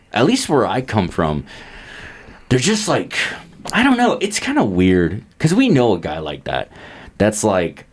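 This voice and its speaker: A young man co-hosting a podcast, telling a story casually with lots of laughter and acted-out quotes. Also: on the low side. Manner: laughs a lot, acts out quotes in voices. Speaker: podcast co-host.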